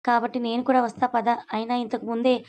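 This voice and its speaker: A woman's voice: fairly high pitch, flat delivery, fast, a little mellow, lightly acted. A woman reading a story aloud and voicing an anxious, protective young woman who pleads with her friend. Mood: resigned. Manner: pleading, then snappish.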